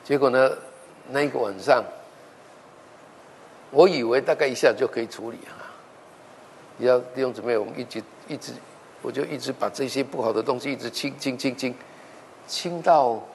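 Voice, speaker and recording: A man's voice: medium pitch, a little hiss or hum. Male pastor, sermon storytelling that acts out the dialogue, in a reverberant church hall. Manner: animated storytelling, acting out quoted dialogue.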